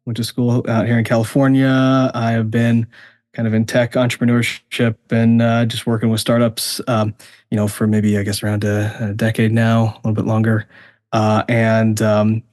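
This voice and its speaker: A man from Hawaii chatting casually as an interview guest, with halting, hesitant phrasing. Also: on the low side, monotone, a little mellow, no echo, clean studio sound. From Hawaii, USA. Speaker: interview guest, tech entrepreneur.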